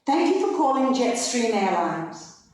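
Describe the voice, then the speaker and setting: A woman's voice: on the high side, unhurried. A woman giving a polite scripted recorded phone message on an airline hold line. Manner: polite, even scripted reading. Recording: echoey playback heard from far off.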